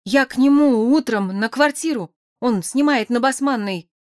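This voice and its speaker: A woman voicing a young man who is tearful, frightened and talking in a rushed, sobbing way. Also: on the high side, no echo, studio quality, pitched above the performer's own voice, close to an everyday voice. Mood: distraught.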